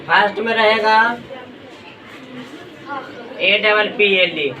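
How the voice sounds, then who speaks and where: A man's voice: high voice, takes it slowly, crowd noise, noisy background. A male teacher leads a classroom lesson, asking and answering his own questions over and over. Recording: echoey room, mic far off. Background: students in the room.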